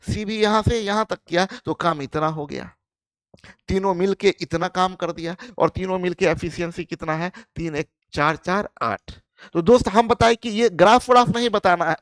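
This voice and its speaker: A man teaches a live maths class, explaining each step and calling his students friends. His voice sits high. The sound is dry, with no room echo. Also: a bit bright, smooth.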